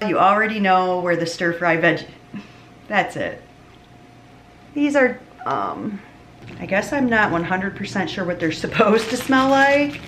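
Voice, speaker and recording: Woman, 30s, home-kitchen cooking vlogger, relaxed slow delivery, lots of restarts. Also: mid-range voice, a little hiss or hum. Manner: chatty, self-interrupting, laughs at her own slips. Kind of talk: casual meal prep vlog. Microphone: camera mic at arm's length and on the counter.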